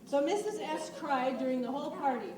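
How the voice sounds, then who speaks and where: A woman's voice: high voice, brisk. A woman narrating a story and directing children through a church skit, giving patient, coaxing instructions. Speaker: children's ministry leader directing a Bible skit. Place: church room. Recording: roomy, distant mic with background noise.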